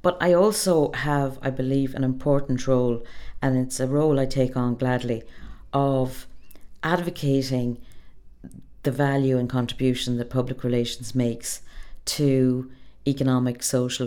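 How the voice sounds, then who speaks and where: A middle-aged woman with a west of Ireland accent giving thoughtful, conversational interview answers, pausing to find her phrasing. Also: rumbling low, warm tone. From Galway, west of Ireland. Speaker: interview guest, public relations professional.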